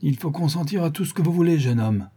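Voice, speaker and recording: A man reading the part of a menacing male brigand and murderer in an audiobook, gruff and commanding. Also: on the high side, lively intonation, fast talker, dark tone, voice pushed up.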